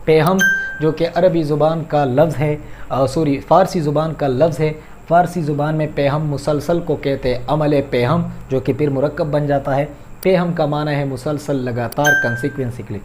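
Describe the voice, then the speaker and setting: A man's voice: on the high side, noisy background. Male Urdu teacher explaining word meanings. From Pakistan. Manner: explanatory, repeats words to correct pronunciation; addresses listeners as "janab". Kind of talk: lecture on vocabulary and grammar.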